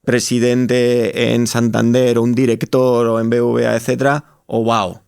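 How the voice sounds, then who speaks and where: A Madrid-born startup co-founder, a man with a Spanish accent, tells his own story reflectively as an interview guest and often rephrases himself. His mid-range voice is gravelly, smooth and darkish, delivered in a monotone at a measured pace. The recording is clean studio sound with no room sound.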